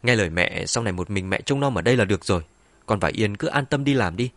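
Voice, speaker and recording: A man's voice: lowish voice, animated, quick pace, fairly bright tone, no room sound. A man voicing a ruthless, two-faced middle-aged woman in an audiobook, switching between cold menace and false wailing. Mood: insistent. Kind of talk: audiobook character voice.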